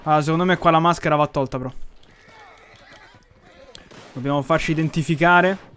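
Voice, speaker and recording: Excitable high-voiced man gaming. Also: normal speed, a little hiss or hum. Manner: swearing, excitable, shouts and taunts. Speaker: gaming channel host. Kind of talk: casual gameplay commentary.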